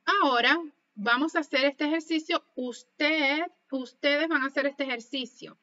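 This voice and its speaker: A woman teaching a French lesson speaks slowly and deliberately, pronouncing each word carefully for learners to copy. Her voice sits a little high and sounds bright. The recording is somewhat dull and lo-fi. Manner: slow, careful model pronunciation with drills. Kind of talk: online language lesson.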